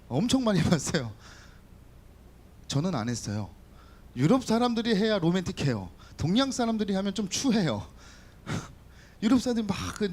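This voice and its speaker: High-voiced male youth pastor, chatty, questioning sermon style. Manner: lively, talks directly to students with questions and jokes. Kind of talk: sermon to teenagers. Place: church hall.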